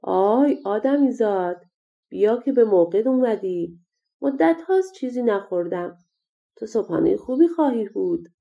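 A woman voicing a hungry, blustering male giant from a storybook, with loud booming exclamations. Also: animated, vocal fry, lo-fi sound. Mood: menacing.

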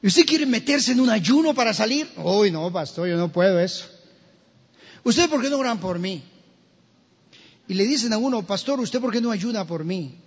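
Colombian male pastor, husky high voice, church sermon with long reverb. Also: animated, moderate pace. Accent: Colombian Spanish. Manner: preaching with dramatic voiced quotes and questions to the congregation. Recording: dull, hall-reverberant church recording.

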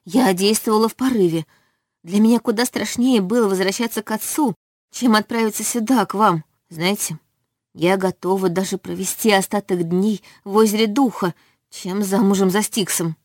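A woman's voice: mid-range voice, moderate pace, a little mellow, no echo, studio quality, lightly acted. A woman reading a desperate young heroine. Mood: defiant. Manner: pleading, emotional. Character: frightened young woman fleeing a forced marriage. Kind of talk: audiobook reading.

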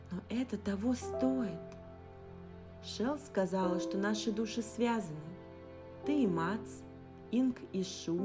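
A woman's voice: medium pitch, pitched above the performer's own voice, natural voice. A woman voicing a frightened young woman, anxious and pleading, close to tears. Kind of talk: audiobook character reading. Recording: guitar music underneath. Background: guitar music.

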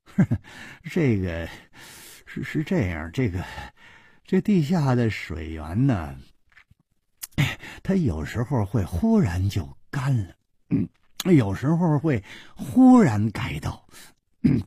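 A man's voice: mid-range voice, wildly swooping pitch, slow, long pauses, mellow, breathy edge, dry recording, clean studio sound, exaggerated voice. A male storyteller voicing a fawning, good-humored companion who hesitates and placates, in a storytelling radio performance. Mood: placating. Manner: ingratiating, hesitant.

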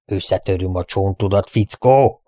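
A man voicing a hot-tempered cowboy bully in an audiobook, shouting threats. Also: low-pitched, no room sound, studio quality, close to an everyday voice. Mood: angry threatening.

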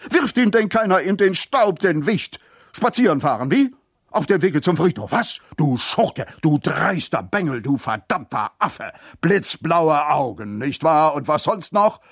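A man voicing a raging drunken man who screams curses and rants in a high, cracking voice. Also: big pitch swings, unhurried, slightly rough, no echo, studio quality, heavily acted. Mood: furious ranting. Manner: shrieking, ranting, cursing. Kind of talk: dramatized reading.

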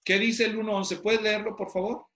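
On a video call with roomy echo and slight background noise, a man with a high, fairly bright voice teaches pastors theology, keeping a level tone and moderate pace. He keeps quizzing the class, pulling answers from his students.

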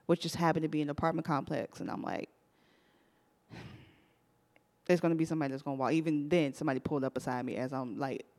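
A young woman hosting a podcast, telling a personal story to a live audience, animated and laughing often. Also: low voice, fast talker, long pauses. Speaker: podcast host.

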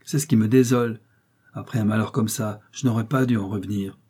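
A man's voice: on the low side, steady tone, a little fast, dark tone, breathy edge. A man voicing a grieving, bitter older male farmer in an audiobook reading.

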